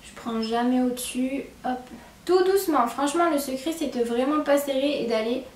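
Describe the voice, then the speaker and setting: A young woman with a regional French accent, casually talking through a hairstyling tutorial at home, filling pauses with "hop" and "voilà". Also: high-pitched, recorded from a distance. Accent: regional French accent with a marked "hein". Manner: chatty, relaxed, lots of "hop" and "voilà" while working. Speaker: hair tutorial presenter. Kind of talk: casual how-to demonstration. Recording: echoey room, speaker away from the mic, faint background noise.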